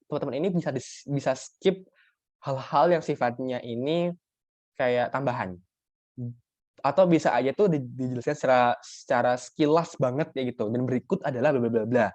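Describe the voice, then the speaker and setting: A man's voice: medium pitch, a little mellow, dry recording. A man giving a workshop lesson in a casual, chatty way, with many fillers and restarts as he addresses his listeners as friends. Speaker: workshop tutor. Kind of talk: casual teaching talk. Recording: dull lo-fi dry audio.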